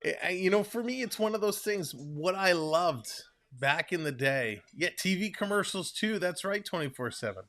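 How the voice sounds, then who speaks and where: This young man's voice sits high, bright and forceful, with lively intonation, a moderate pace and few pauses. He has a Toronto Canadian accent and rambles chattily while hosting a live hockey stream, answering chat aloud.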